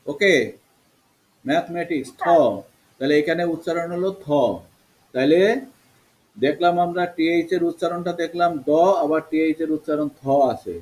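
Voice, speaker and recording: A man teaching an online English pronunciation class, slowly drilling and repeating sounds for his pupils. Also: on the high side, darkish tone, rough recording. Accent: Bangladeshi. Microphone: video call.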